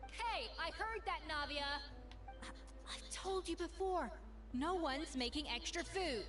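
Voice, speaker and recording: A woman's voice: very high-pitched, measured pace. A woman voicing an exacting, brusque young female head chef in a video game, with stern, clipped, matter-of-fact delivery. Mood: defensive, businesslike. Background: background music.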